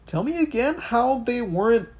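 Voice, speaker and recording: A man's voice: very high-pitched, very animated, moderate pace, a little mellow, breathy edge. A young man from Miami co-hosting a podcast, ranting about politics in casual, profane talk full of restarts. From Miami, Florida. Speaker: podcast co-host.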